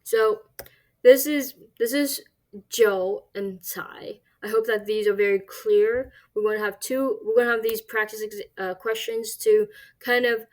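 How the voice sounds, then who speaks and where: A woman's voice: on the high side, steady tone, unhurried, darkish tone. A woman teaching a recorded video language lesson, explaining step by step with fillers, restarts and frequent "right?" check-ins.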